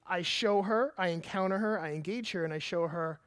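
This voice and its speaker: A man in his thirties, a pastor, preaching a sermon and telling a lively personal story with emphatic delivery. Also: sits high, fairly quick, clear, resonant tone, no room sound.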